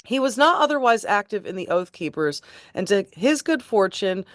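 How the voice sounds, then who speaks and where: A woman reading court transcript passages aloud in a steady, deliberate way and adding her own remarks. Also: medium pitch, no echo, studio quality. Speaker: tribute band host reading court transcripts.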